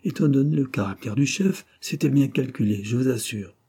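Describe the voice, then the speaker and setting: A man's voice: mid-range voice, a little fast, mellow, slightly rough, pitched above the performer's own voice. A man reading the part of a resolute young male captive who speaks in an earnest, urgent way.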